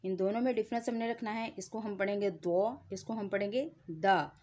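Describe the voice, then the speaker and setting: A woman's voice: mid-range voice, normal speed, darkish tone. A woman teaching Quran recitation, drilling letter sounds one by one and patiently explaining where each is formed. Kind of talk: slow tajweed lesson with repeated syllable drills.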